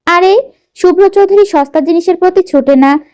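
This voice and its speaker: A woman's voice: very high voice, normal speed, a little mellow. A woman voicing a proud, angry young man who talks harshly and threatens, reading a romance story aloud. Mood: furious.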